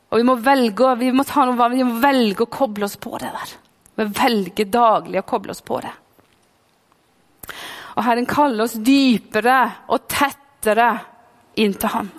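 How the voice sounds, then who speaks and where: A woman's voice: fairly high pitch, steady tone, long pauses. Fervent woman preaching in a reverberant hall. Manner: fervent, swings from loud calls to hushed whispers. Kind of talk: sermon.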